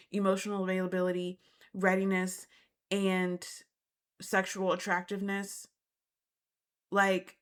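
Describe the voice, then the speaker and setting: A woman hosting a reality TV recap, talking in an indignant, emphatic way and repeating points for emphasis. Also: medium pitch. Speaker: host.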